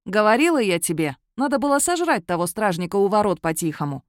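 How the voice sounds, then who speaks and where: A woman's voice: a little high, big pitch swings, normal speed, no echo, clean studio sound. A woman voicing a snarky female beast companion in an audiobook, with a mocking, sassy manner. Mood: smug. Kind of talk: audiobook character voice.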